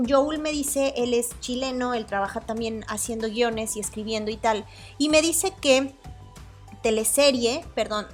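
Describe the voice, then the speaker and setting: A woman with a Mexican Spanish accent hosting a solo podcast, talking in a chatty, hedging way and often correcting herself. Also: fairly high pitch. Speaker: podcast host. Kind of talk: casual solo podcast commentary.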